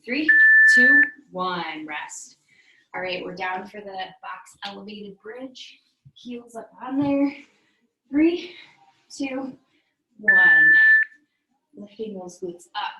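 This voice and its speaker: A fitness instructor with a medium-pitched, sharp-toned voice coaches a virtual workout class from a small room, counting down reps and cueing form as she exercises along. The recording has a roomy echo, a distant mic, and faint noise.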